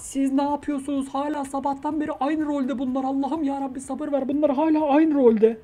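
A man giving comic, mocking reaction commentary over a reality show, with loud exasperated outbursts. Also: very high voice, fairly even intonation, a little fast. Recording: show music playing underneath.

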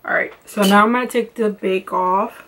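A beauty vlogger from Los Angeles chats her way through a makeup tutorial in her bedroom, which has lamps and shelves of makeup. Her medium-pitched, fairly bright voice keeps an even intonation and moderate pace as she rambles, filling her talk with "like" and "um." The recording is rough, with slight background noise.

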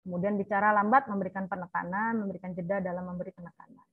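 A woman's voice: medium pitch, fairly even intonation, racing, slightly rough, no room sound. A middle-aged woman lecturer coaching students in a chatty way, full of little "ya" and "nah" fillers. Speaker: university lecturer. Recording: thin phone-like sound, dry.

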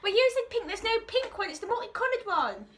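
Young British woman, bright and very animated, excitable squealer reacting to gross jelly beans she is eating. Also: very high voice, fast. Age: young adult. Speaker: vlogger. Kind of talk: casual chat, taste challenge. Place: living room, indoors. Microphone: camera mic at a short distance.

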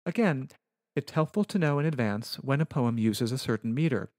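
A man at a mid pitch lectures on Latin verse in a careful, precise way, as if walking through slides. The recording is close and dry, with no room sound. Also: lively intonation, darkish tone, dry recording. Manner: measured, precise, explanatory.

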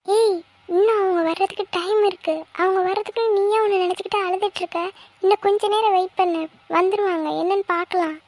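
Woman voicing cartoon college girl, super high squeaky voice, bossy but caring. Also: steady tone, fast, darkish tone. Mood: comforting. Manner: scolding yet comforting. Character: caring young female college friend. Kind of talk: cartoon voice acting.

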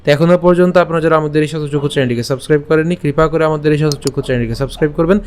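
A young man patiently teaching pronunciation, reciting verses slowly syllable by syllable and asking and answering his own questions. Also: fairly high pitch, darkish tone, a little hiss or hum. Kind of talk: pronunciation lesson with slow recitation.

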